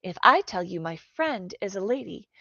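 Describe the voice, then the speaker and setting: A woman voicing a brisk, kind and stubborn young noble girl, talking in a firm, proper way. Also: medium pitch, very animated, creaky, bright, forceful tone, no room sound, exaggerated voice. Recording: dry, dull lo-fi recording.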